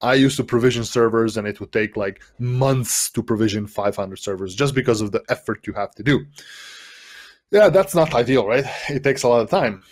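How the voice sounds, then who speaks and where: A man in his thirties from Serbia, giving an energetic online workshop talk on a headset mic from a room at home, full of fillers and rhetorical "right?"s. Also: mid-range voice, normal speed. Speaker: developer advocate giving a workshop.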